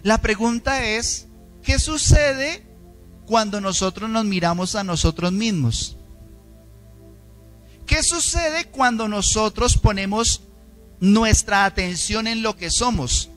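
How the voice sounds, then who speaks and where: A man's voice: animated, takes it slowly, fairly bright tone, faint music behind. A man with a Colombian accent preaching a sermon in a church, emphatic and dramatic, often asking the congregation questions. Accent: Colombian Spanish. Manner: dramatic, emphatic delivery with shifting pitch. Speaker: pastor.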